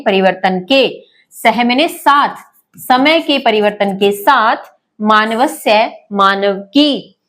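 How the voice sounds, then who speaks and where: A woman teacher giving an online lesson, explaining word by word in a patient, repetitive way and asking her pupils questions. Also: fairly high pitch.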